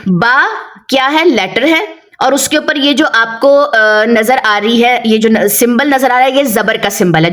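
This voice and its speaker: A woman with a Pakistani Urdu accent, teaching a Quran reading lesson and patiently drilling syllables, slowly and with repetition. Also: on the high side, a bit bright. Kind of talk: step-by-step recitation lesson.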